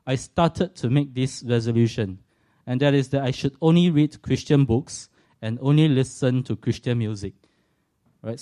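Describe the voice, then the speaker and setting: A Singaporean man in his forties, speaking with a Singaporean accent in a medium-pitched, dark voice, gives a church audience an earnest, reflective testimony of his faith, with touches of self-deprecating humour.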